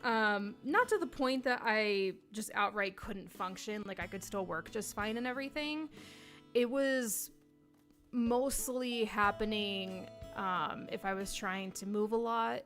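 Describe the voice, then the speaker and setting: A woman casually chatting on a livestream, greeting viewers by name between many ums and pauses. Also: medium pitch, a bit bright, soft background music. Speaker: livestream host.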